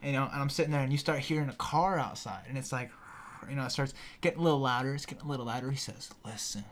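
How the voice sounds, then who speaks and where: Animated young man telling a wild story. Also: medium pitch, rapid-fire, a little hiss or hum. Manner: animated, profane, acts out voices in his story. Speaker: podcast guest. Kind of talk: casual storytelling chat.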